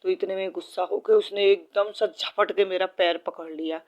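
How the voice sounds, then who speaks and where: Woman, middle-aged, devotee testimony, pleading and distressed, repetitive, flat delivery, dull lo-fi recording. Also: mid-range voice, moderate pace. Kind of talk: personal testimony at a satsang.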